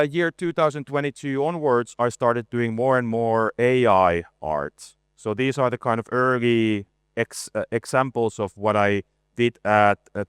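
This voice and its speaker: A man in his forties giving a conference presentation, relaxed and self-deprecating, with frequent hesitations and a voice worn from talking a lot. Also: lowish voice, smooth, no room sound, clean studio sound. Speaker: conference speaker, art director. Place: conference stage.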